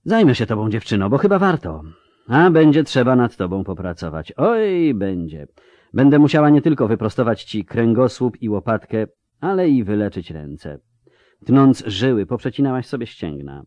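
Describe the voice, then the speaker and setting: A man's voice: mid-range voice, very animated, normal speed, no room sound, lo-fi sound, close to an everyday voice. A man voicing a stern older sorceress who speaks in a matter-of-fact, serious way in a storybook reading.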